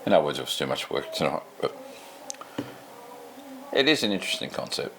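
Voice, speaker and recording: Extremely low in pitch yet sing-song, a middle-aged Australian man talks a little fast and a bit brightly to camera. Tired, laid-back and self-deprecating, he rambles through an unscripted vlog at home at night, with slight background noise behind him.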